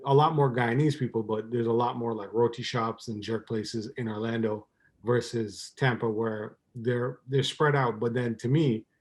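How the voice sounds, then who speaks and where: A man's voice: mid-range voice, fairly even intonation, moderate pace, a little mellow. A man in his thirties from Trinidad, chatting casually as a podcast guest, rambling along with many ums and likes. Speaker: podcast guest, cooking YouTuber. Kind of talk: casual chat.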